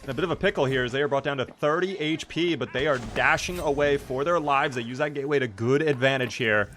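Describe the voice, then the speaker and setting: A man's voice: mid-range voice, fast, a bit bright. A man hosting casual esports commentary, chatty and joking as he banters. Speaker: esports match host and commentator.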